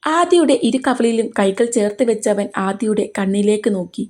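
A woman reading a serial romance story aloud with steady narration. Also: mid-range voice, moderate pace.

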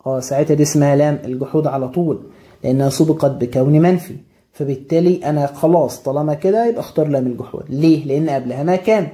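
An Egyptian Arabic-accented man teaches grammar at a brisk clip. His voice is dark and mellow. He fires questions at the class, answers them himself, and keeps repeating the key terms. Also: on the high side. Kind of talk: exam drill lesson.

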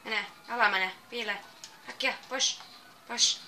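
A woman doing let's-play game commentary, excitable, shouting commands and exclamations at the game. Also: a little high, a little hiss or hum. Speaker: gameplay commentator.

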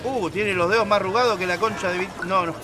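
High-pitched Argentine man streaming a game. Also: fairly even intonation, quick pace. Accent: Rioplatense, Argentine. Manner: slangy, joking. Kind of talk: casual livestream commentary. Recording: noisy game audio behind voice. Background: video game sound.

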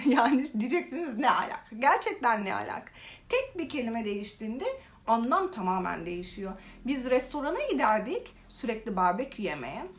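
Young woman, vlog storytelling, high pitch, very animated, exaggerated, casual. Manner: animated, exaggerated retelling with laughs. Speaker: vlogger. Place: living in Korea.

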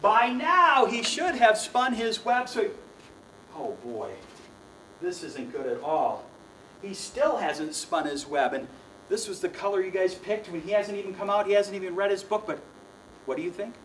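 A man's voice: high voice, sing-song, moderate pace, a bit bright, a little hiss or hum. Young guy doing a kids magic show, playful showman, kinda far from the mic. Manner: playful, mock-flustered showman addressing kids. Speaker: children's magician. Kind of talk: kids' magic show patter.

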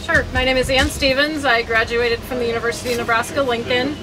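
A woman's voice: on the high side, steady tone, fast, over music, poor audio. A middle-aged American woman giving plain, conversational interview answers from inside a van. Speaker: interview guest, engineer. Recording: clear vehicle and fan noise.

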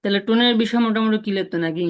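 A man teaching a Chinese class online. He repeats syllables slowly and asks his students questions as he goes. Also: sits high, clear, resonant tone. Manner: drills syllables slowly, repeating them often.

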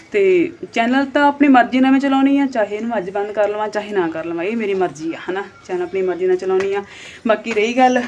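With a noisy background behind her, a woman in her thirties speaks in a mid-range voice. This Punjabi vlogger, accent and all, addresses her audience casually, plainly and with a scolding tone.

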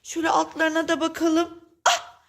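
A woman telling a playful toy story for children, animated and exclaiming often as she speaks straight to the kids. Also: extremely high pitch, moderate pace. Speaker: children's toy-play presenter.

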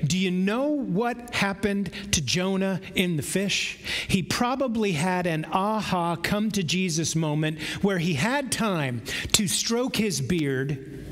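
A middle-aged male pastor delivers a sermon in a slow, deliberate cadence, his fairly high voice leaning hard on each key word. The sound carries a long church reverb with faint room noise underneath. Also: lively intonation. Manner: slow, emphatic preaching with drawn-out pauses. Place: large church sanctuary with stage.

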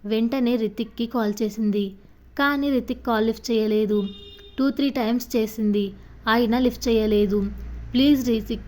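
A young woman narrating a story in a steady, plain reading style. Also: on the high side, normal speed.

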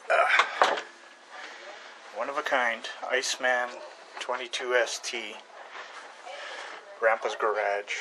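An older man rambling casually, with many pauses and restarts, into a webcam at close range in a small room at home. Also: mid-range voice, fairly even intonation, background noise. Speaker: hobby carver and channel host. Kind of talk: casual home video show-and-tell. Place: small room at home with shelves of model trucks. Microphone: webcam close to the face.

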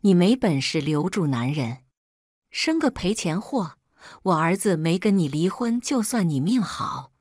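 A woman reading the lines of a shrill, abusive older mother-in-law in a storybook tale, ranting and scolding. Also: sing-song, unhurried, a little mellow, dry recording, studio quality.

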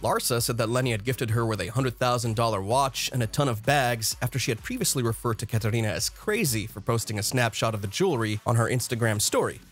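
Man, scripted gossip narration, steady even delivery, mid-range voice, soft music underneath. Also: mid-range voice, fast talker, few pauses. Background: faint background music.

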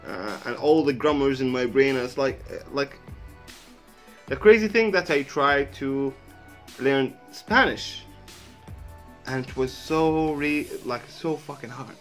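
With faint music behind him, a man in his thirties talks slowly in a medium-pitched voice with lively intonation. A native Arabic speaker with an Arabic accent, the reaction vlogger chats loosely, rambling and casually swearing, on a wired earphone mic in a small room with a sheet hung at his back.

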